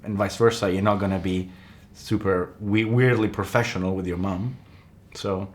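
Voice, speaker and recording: A man's voice: deep voice, steady tone, normal speed. A man hosting a podcast, chatting in an easygoing conversational way. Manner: conversational, light laughs, short agreeing replies. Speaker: podcast host. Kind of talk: casual chat.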